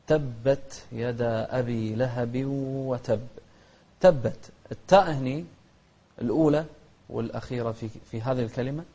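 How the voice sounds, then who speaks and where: A man teaching Quranic recitation to children, modeling each verse slowly, correcting mistakes and repeating. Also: mid-range voice, background noise. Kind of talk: tajweed lesson with modeled recitation. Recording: dull lo-fi recording.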